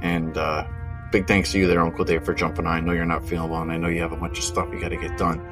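A man's voice: sits low, monotone, quick pace, music in the background. A man hosting a casual sports betting podcast, rambling with many fillers and restarts. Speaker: podcast host.

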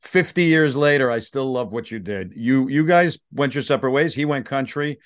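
A man's voice: mid-range voice, moderate pace, no echo, clean studio sound. A man in his sixties hosting an interview, asking questions with a fan's enthusiasm. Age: 60s. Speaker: host.

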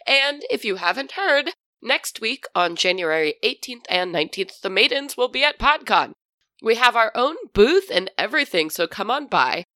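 A woman's voice: a little high, big pitch swings, normal speed, pushed and bright, no echo, clean studio sound. A woman hosting a tabletop gaming podcast with informal, chatty announcements as game master.

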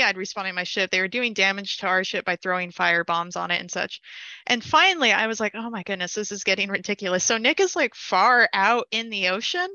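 A young woman casually telling a long gaming story, animated and laughing as she goes, with frequent fillers. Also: mid-range voice, clean tone, no echo, lo-fi sound.

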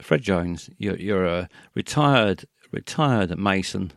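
A man hosting a call-in radio show, rambling in a halting way with many fillers and restarts. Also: low voice, lively intonation, gravelly, dry recording, clean studio sound.

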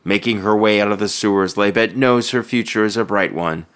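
Lowish-voiced man narrating fantasy. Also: brisk, a bit bright, clean tone. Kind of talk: dramatic scripted fantasy narration.

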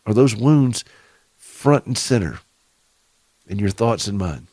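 A man's voice: on the low side, lively intonation, takes it slowly, dark tone, dry recording. A middle-aged man with a Southern accent hosting a radio show for caregivers, giving earnest, preacherly encouragement and asking listeners direct questions. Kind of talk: faith-based encouraging talk.

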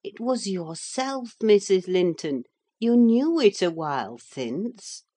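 Lady reader as no-nonsense maid, firm n a bit chiding, mellow tone, unhurried, old novel audiobook. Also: medium pitch, sing-song. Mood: insistent. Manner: matter-of-fact, insistent, chiding. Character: sensible, firm female servant soothing her mistress. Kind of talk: dramatised classic-novel audiobook reading.

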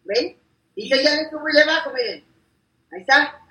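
Woman, high bright voice, chatty and playful, echoey room, a bit off the mic. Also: expressive, brisk, far from the mic. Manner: chatty, playful, shows things off. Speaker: gossip show co-host. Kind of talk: casual showbiz gossip chat.

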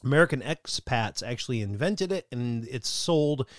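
A man co-hosting a casual chat show, telling stories in a joking way with quick asides. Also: mid-range voice, expressive, no room sound, studio quality. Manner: jokey storytelling, quick asides and laughs. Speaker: co-host.

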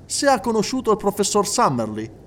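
A man's voice: high-pitched, wildly swooping pitch, brisk, a little hiss or hum, pitched above the performer's own voice. A man voicing a serious, distant woman spirit medium who speaks plainly and earnestly.

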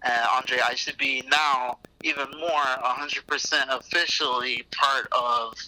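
A man's voice: medium pitch, fairly even intonation, measured pace, pushed and bright. A man phoning in to a casual chat, his call signal breaking up as he stumbles and restarts his words from a train station. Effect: phone call signal breaking up. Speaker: caller phoning into a podcast. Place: public train station downtown. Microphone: phone.

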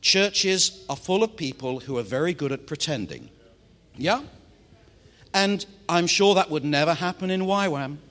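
Animated British pastor preaching in a hall. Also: male voice, fairly high pitch, a little slow. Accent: British English. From Britain. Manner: animated, playful, talks directly to the congregation. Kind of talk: sermon.

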